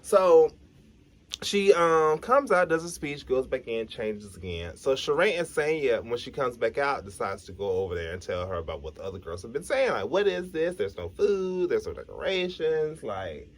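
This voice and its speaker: A man's voice: mid-range voice, sing-song, moderate pace. A tired, sleepy man vlogging a casual, rambling recap of a TV episode. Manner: chatty, rambling storyteller.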